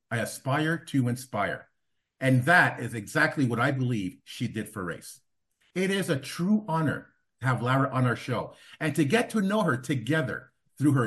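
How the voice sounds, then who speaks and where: A man's voice: mid-range voice, a bit bright. A man hosting a podcast, giving emphatic introductions in an announcer-like way. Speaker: podcast host.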